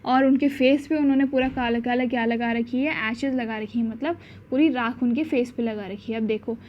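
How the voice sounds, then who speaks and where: A woman teacher explaining a school story chapter, mixing languages, acting out the quotes and reading English lines slowly. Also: fairly high pitch, fairly even intonation, slight background noise. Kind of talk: storybook lesson in Hindi and English. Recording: dull lo-fi sound.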